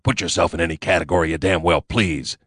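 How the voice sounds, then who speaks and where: A man voicing a gruff older male chief of a secret agency, snarling and grumbling his lines. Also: sits low, steady tone, fast, fairly bright tone, dry recording, clean studio sound.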